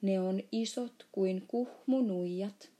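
A woman's voice: medium pitch, mellow, natural voice. A woman voicing a big friendly male giant in a storybook reading, playfully mangling his words. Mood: emphatic.

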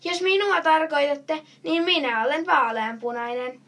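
A woman's voice: high voice, fairly bright tone, far from the mic. A woman reading a children's storybook aloud, voicing a playful, teasing chameleon that keeps running away. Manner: teasing, giggly, taunting. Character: playful color-changing chameleon, cheeky runaway pet.

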